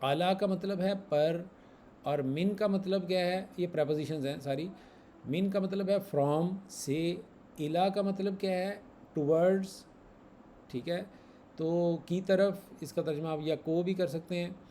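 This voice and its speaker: Male teacher going over grammar, kinda high mellow voice, repeats stuff, faint hiss behind. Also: slow. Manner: patient, repeats examples, quizzes students. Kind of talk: online class lesson.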